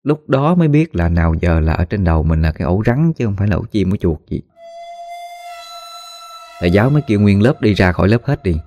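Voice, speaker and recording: A man narrating a spooky story in a folksy, animated way, acting out the voices of the people in it. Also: sits low, fairly quick, faint music behind. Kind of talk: spoken ghost story narration.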